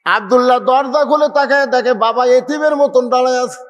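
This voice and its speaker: A man, preaching a storytelling sermon with dramatic swings between loud and hushed. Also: very high-pitched, fairly quick. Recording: long hall reverb.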